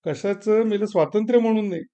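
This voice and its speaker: A man's voice: sits high, fast, dark tone, voice pushed up. A man voicing a middle-aged wife who coaxes and complains tearfully in an audiobook story. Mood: tearful complaint. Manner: wheedling, then whining and scolding.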